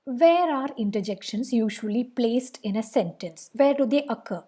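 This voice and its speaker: Female grammar teacher, Indian English accent, fairly high breathy voice; patient, repeats examples. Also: expressive, normal speed, warm tone. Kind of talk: explanatory lesson.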